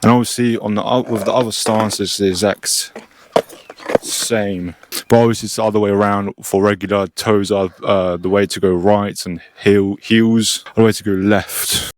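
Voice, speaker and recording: A man giving a casual, informal step-by-step beginner tutorial as host, recorded on a cheap, low-quality microphone. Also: fairly even intonation, moderate pace. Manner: informal, mildly sweary. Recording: cheap low-quality mic, noisy, clicks.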